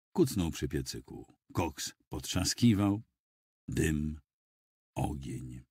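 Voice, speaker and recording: Deep husky male audiobook narrator. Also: darkish tone, dry recording, studio quality. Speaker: audiobook reader. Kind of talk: scripted first-person audiobook narration.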